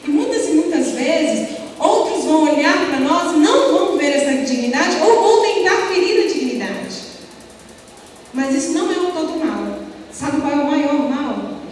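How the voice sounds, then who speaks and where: Woman preacher, high voice, impassioned sermon, distant mic in a booming hall with faint noise. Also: very animated, normal speed, a little mellow. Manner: impassioned preaching with rhetorical questions. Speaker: preacher at a prayer group.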